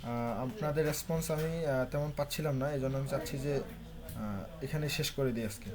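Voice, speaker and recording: A man's voice: mid-range voice, moderate pace, crowd noise. A young man teaching an online class, mixing English terms into his explanations with frequent "uh" fillers. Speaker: lecturer.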